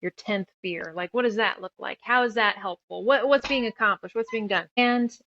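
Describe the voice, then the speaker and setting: A woman in her thirties, a guest author and musician, tells her story casually in an interview, rambling and emphatic and piling up lists as she goes. Her voice is medium-pitched and fairly bright at a normal speed, though the recording is muffled.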